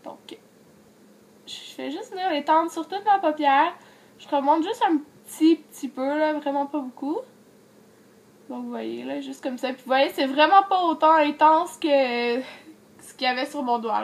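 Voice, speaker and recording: A young beauty vlogger with a Quebec French accent chats casually through a makeup tutorial while she has a cold, using lots of fillers and speaking directly to viewers. Her voice is high and creaky, at a moderate pace.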